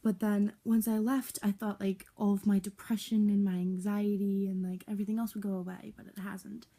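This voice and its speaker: A young woman in her late teens telling her life story on a home vlog, candid and halting, with many fillers and restarts. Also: mid-range voice, flat delivery, mellow. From United States. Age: young adult. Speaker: vlogger.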